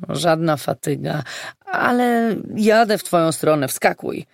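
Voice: medium pitch, animated, a little slow, vocal fry, dry recording, clean studio sound. An audiobook reader voicing a pushy young man who keeps coaxing and insisting.

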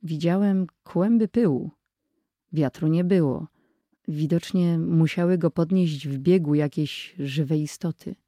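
A reader voicing an earnest, thoughtful boy in an audiobook, reporting in a measured way. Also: mid-range voice, warm tone, no room sound, natural voice. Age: child. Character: thoughtful older boy, Henryk.

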